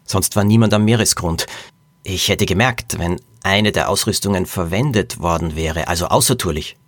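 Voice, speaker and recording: A man voicing a gruff ship's captain in a read-aloud storybook, speaking low. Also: moderate pace, dry recording.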